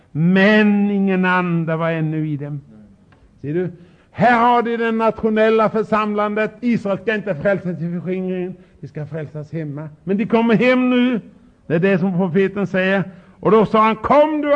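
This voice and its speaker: A man preaching a sermon, talking straight to the congregation and shouting out scripture quotes with emphasis. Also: sits high. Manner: talks directly to the congregation. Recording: dull lo-fi recording.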